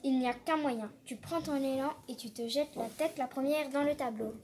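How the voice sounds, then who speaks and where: A woman's voice: high voice, moderate pace, a little mellow, a little hiss or hum, close to an everyday voice. A woman voicing a small talking portrait of a young man, wry and emphatic.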